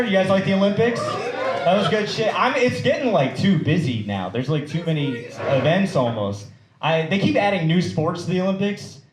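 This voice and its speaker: A young man performing a stand-up comedy set, swearing and throwing quick asides to the crowd. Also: on the high side. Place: comedy club stage with audience. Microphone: handheld stage mic. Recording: roomy club with crowd noise.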